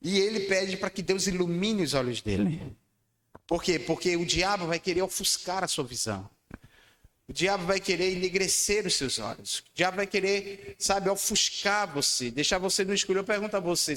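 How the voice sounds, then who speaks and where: Male pastor, higher voice, emphatic sermon, echoing church hall. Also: a little fast. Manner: emphatic, calls for congregation responses; swings between loud high declarations and low quiet lines. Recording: long church hall reverb.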